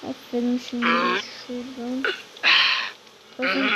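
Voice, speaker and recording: A woman's voice: a little high, completely flat delivery, slow, poor audio. A woman giving casual gameplay commentary, exasperated and scolding her game character. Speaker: gaming channel host. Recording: loud background noise.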